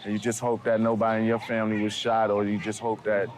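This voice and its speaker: Lower-voiced man, halting interview talk. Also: monotone, a little hiss or hum. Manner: halting, repeats words while searching for them. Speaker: interviewee, local resident. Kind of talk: documentary interview.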